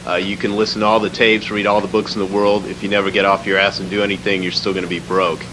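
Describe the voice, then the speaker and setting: A man's voice: on the low side, level tone, quick pace. A businessman giving an earnest, plainspoken testimonial with many fillers. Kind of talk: spoken testimonial. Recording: hissy background noise.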